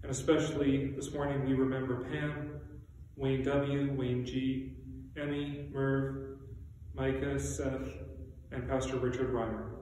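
A man's voice: medium pitch, flat delivery, unhurried, dark tone. A man, middle-aged, solemnly and measuredly reading intercessory prayers as a prayer leader at a church service. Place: small church sanctuary, indoors. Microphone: distant camera. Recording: echoey church, distant mic, faint noise.

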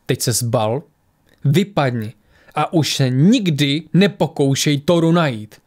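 A man voicing a calm, menacing female warrior who speaks slowly and coldly in an audiobook. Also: medium pitch, close to an everyday voice. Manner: quiet, slow, cold menace.

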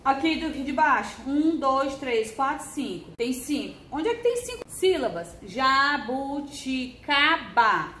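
A woman teaching a first-grade handwriting lesson with a Brazilian Portuguese accent, drilling syllables in a slow, sing-song way and stretching out words. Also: high voice, sing-song. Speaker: primary school teacher. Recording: echoey room with faint hiss.

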